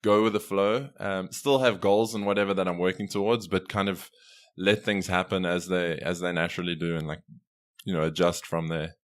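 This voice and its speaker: A man in his twenties hosting a casual podcast interview, relaxed and hesitant with many ums. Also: deep voice, normal speed. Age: 20s. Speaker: podcast host.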